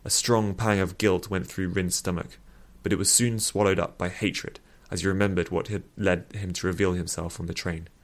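A man narrating a fiction story aloud in a steady storytelling manner. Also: low voice, normal speed, few pauses.

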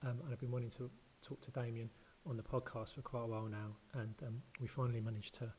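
A man's voice: mid-range voice, level tone, fast, a little mellow. Man podcasting from an echoey, bathroom-like room. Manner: hesitant, self-deprecating, chatty. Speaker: podcast host. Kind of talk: informal podcast talk. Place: echoing open living room with marble floor, like a bathroom. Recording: echoey marble-floored living room, hissy noise.

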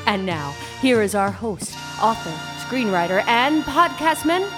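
A woman announcer reads a scripted, upbeat show introduction in a fairly high voice. A clear music bed plays underneath her. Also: big pitch swings, measured pace, poor audio.

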